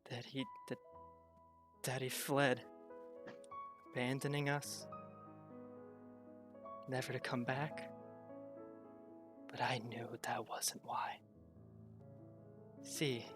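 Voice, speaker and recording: A game master voicing a tiny, frightened kobold child in a soft, shaky voice during a tabletop role-play. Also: mid-range voice. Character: tiny frightened kobold boy, shy and hopeful.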